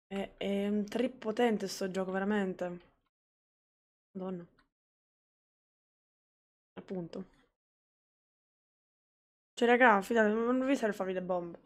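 A young woman, commenting excitedly on a game she plays live, swearing and talking to her chat. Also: mid-range voice, slow, pauses often. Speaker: streamer.

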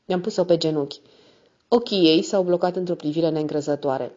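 Woman reading an audiobook, low voice, steady, bit muffled sound. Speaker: audiobook narrator. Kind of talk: scripted first-person novel narration. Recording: slightly muffled recording.

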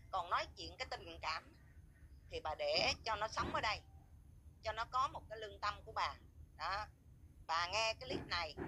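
A woman's voice: medium pitch, pushed and bright, a little hiss or hum. A woman, an outraged viewer scolding and repeating herself as she rants. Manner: indignant, scolding, repetitive. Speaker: viewer voicing complaints. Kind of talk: angry spoken rant.

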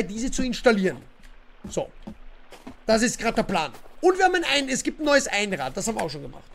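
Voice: mid-range voice, darkish tone, slight background noise. A streamer chatting casually during a livestream, rambling with many fillers and grumbling in exasperation at the game. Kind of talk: casual livestream chat while playing.

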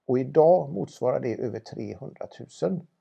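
Gravelly, husky man. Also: mid-range voice, expressive, mellow, lo-fi sound. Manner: knowledgeable, chatty, many restarts. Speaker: car auction presenter. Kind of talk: casual car talk.

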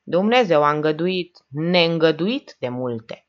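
A woman's voice: sits low, lively intonation. A woman voicing a shaken man who speaks with vehement, bitter disgust, in a dull lo-fi recording.

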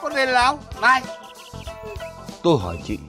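A man's voice: very high voice, wildly swooping pitch, brisk, music in the background, full character voice. A man plays a blustering, hot-tempered retired village mandarin in a folk comedy. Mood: indignant. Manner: pompous, bossy, shouting threats.

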